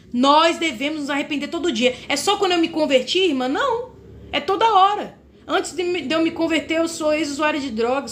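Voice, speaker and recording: Brazilian woman preacher, high voice, fervent sermon delivery, keeps addressing the congregation directly. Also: fairly bright tone. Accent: Brazilian Portuguese. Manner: fervent, repeatedly addresses listeners as brothers.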